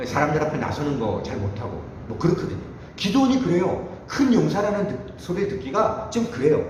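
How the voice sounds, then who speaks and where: A man delivers a lively sermon, acting out the people in his story and poking fun at himself. His pitch sits a little high and swings widely. The sound is very echoey, with a long hall reverb and faint room noise behind him. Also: a little fast. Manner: animated, acts out quotes, self-mocking. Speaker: youth group preacher. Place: church hall.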